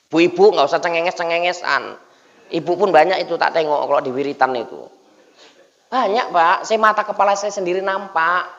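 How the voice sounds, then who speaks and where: A man's voice: a little high, fairly bright tone, big-room sound. A man preaching a humorous dawn sermon, teasing the congregation and constantly addressing them as "Pak". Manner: jokey, teasing the congregation, frequent "Pak" asides. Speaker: Islamic preacher. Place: mosque gathering. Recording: dull lo-fi recording.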